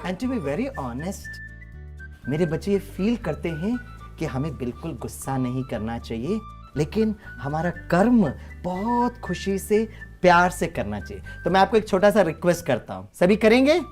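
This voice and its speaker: A man's voice: high-pitched, very animated, measured pace, a little mellow, soft background music. A man who teaches, giving a storytelling talk to children and acting out his own lines with big shifts in tone, chuckling often. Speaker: teacher and guest speaker for children.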